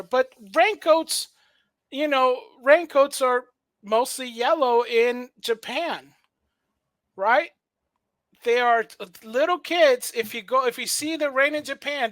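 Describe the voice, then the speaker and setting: A woman's voice: high voice, no echo. A woman from South America, co-hosting a casual debate and defending her view eagerly with many restarts.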